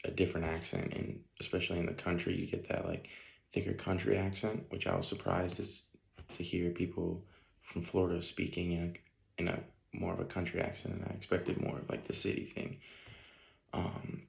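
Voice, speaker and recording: A young man with a slight Northeast Ohio accent talks through a casual class video, filling it with ums and likes. His voice is low and gravelly and stays fairly flat. The sound is roomy, with clear echo. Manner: rambling, many ums and likes. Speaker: student.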